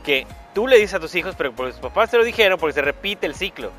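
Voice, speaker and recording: A man in his forties co-hosting a podcast, chatting casually with jokes and quick asides. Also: high-pitched, soft background music. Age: 40s. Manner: joking, animated, breaks into laughter. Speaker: podcast co-host. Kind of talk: casual chat.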